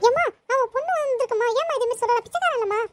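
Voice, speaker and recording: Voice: very high-pitched, animated, very fast, faint music behind. A voice actor playing a cheeky, chatty little girl hosting a comic home-tour vlog in a cartoon. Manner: chatty, boastful.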